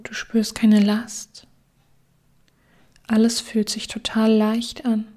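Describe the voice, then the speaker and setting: A woman guiding a relaxation meditation in a soft, soothing whisper. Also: on the high side, monotone, slow pace. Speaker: meditation guide.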